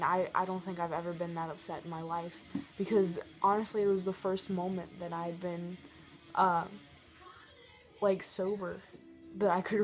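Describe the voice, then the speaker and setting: A teenage girl telling a personal story in a confessional vlog, earnest and halting, with many restarts. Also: lowish voice, darkish tone. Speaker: vlogger.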